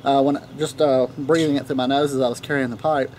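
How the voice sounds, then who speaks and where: A man talks in a casual, unhurried vlog style. His voice sits at an average male pitch, and he pauses often as he rambles. He is recorded outdoors a few feet from the camera, with light natural ambience and birds around him. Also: fairly even intonation, darkish tone, slight background noise. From Tennessee, United States. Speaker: pipe tobacco reviewer. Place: outdoor wooden deck in a leafy yard. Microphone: camera a few feet away. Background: birds chirping, occasional dog barking.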